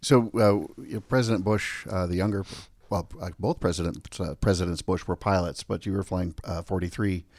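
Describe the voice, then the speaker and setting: Low gravelly male podcast host. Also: fairly even intonation, moderate pace, few pauses, darkish tone, no room sound. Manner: hesitant, many "uh" fillers. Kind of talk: interviewing.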